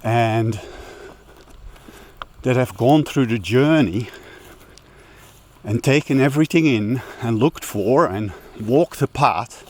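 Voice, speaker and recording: A middle-aged audio YouTuber chats casually while walking uphill outdoors, a little out of breath. His mid-range, slightly mellow voice moves slowly, with frequent pauses, fillers, and restarts as he rambles through his vlog.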